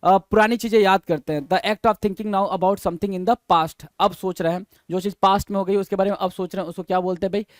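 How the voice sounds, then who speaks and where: A man teaches exam vocabulary, moving between Hindi and in a fairly high voice. He drills each answer over and over, spells it letter by letter and fires questions back at the listener. The recording is close and dry, with no room sound. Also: steady tone, brisk, hardly any pauses, no room sound. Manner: asks the viewer questions and answers them himself.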